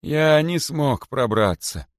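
Guy doing a sad little cross-eyed boa, whiny hiss, raised pitch, dry. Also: lively intonation, slow pace, no room sound. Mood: plaintive. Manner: plaintive hiss. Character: cross-eyed male boa, meek and plaintive.

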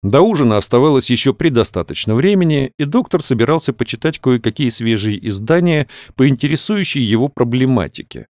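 A man narrating an audiobook in a measured, storytelling way. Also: mid-range voice, lively intonation, a little mellow, no room sound, studio quality. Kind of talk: scripted narration.

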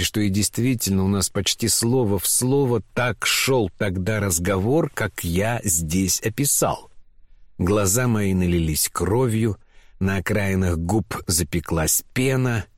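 A man reading a novel aloud in the first person, impassioned, swinging from fervent outbursts to a low confessional tone. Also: no room sound, clean studio sound. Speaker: audiobook reader.

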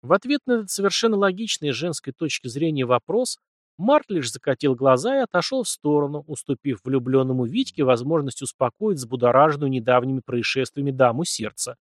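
A man narrates a novel in an even, measured storytelling voice. His pitch sits mid-range, and the recording is dry and close with no room echo. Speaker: audiobook narrator. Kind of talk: scripted narration.

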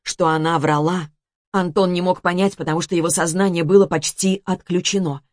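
A woman narrating an audiobook in a steady storytelling voice. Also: lowish voice, fairly quick, no echo, clean studio sound.

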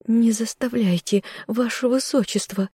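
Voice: mid-range voice, steady tone, measured pace, darkish tone, breathy edge, dry recording, studio quality, pitched above the performer's own voice. A reader voicing a frightened young female servant who stammers and pleads, in an audiobook. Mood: pleading. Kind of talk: audiobook character voice.

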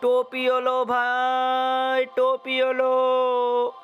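A man voicing a cheerful male cap peddler who hawks his wares in drawn-out singsong calls. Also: very high-pitched, completely flat delivery, highs cut off, faint music behind, voice pushed up, heavily acted. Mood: singsong hawking.

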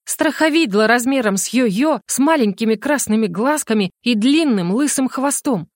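A woman narrating a first-person fantasy audiobook in a lively, ironic way. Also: fairly high pitch, normal speed, no echo, clean studio sound.

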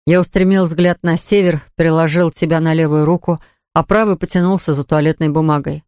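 A man's voice: fairly high pitch, brisk, clean tone, dry recording. Man reading a novel aloud, dry sound. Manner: even, plain reading with dialogue. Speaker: audiobook narrator. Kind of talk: scripted narration.

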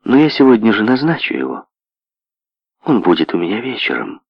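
A man reading an audiobook, dropping his voice low and hushed to play an indulgent, evasive rich tycoon who placates his daughter. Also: big pitch swings, fairly quick, no echo. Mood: placating. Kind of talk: audiobook character voice. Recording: dull lo-fi audio.

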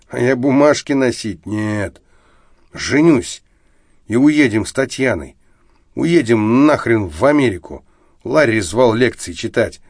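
A man's voice: mid-range voice, dry recording, clean studio sound, voice pushed up. A man voicing a drunk, bitter middle-aged academic who rants and slurs, slipping into lisping baby talk. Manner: slurred, ranting drunk outbursts, lapses into lisping baby talk.

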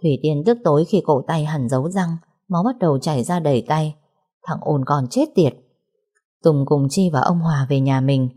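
A woman narrating a romance audiobook in a steady storytelling manner. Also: deep voice, moderate pace.

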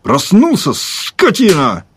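A man voicing rough male soldiers who bark gruff orders and insults. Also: high voice, wildly swooping pitch, slow, voice pushed up, exaggerated voice. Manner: barking, gruff, yelled orders. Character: rough shouting male soldiers at a post station.

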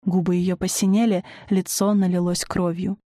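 A woman narrating an audiobook in a measured, expressive way. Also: on the low side, no room sound, studio quality.

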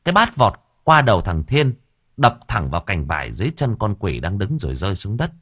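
A man narrating an audio story in a vivid, expressive way. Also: on the low side, brisk, husky.

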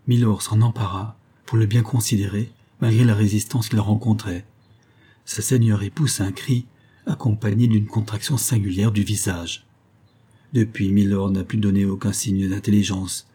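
A man reading a classic novella aloud as an audiobook narrator, in a measured, even way. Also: lowish voice, slightly rough. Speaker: audiobook reader. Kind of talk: scripted literary narration.

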